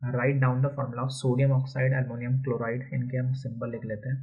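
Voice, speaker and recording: A man's voice: mid-range voice, flat delivery, slow pace, breathy edge. A man teaching a chemistry lesson, explaining step by step and repeating key terms often. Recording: dull lo-fi recording.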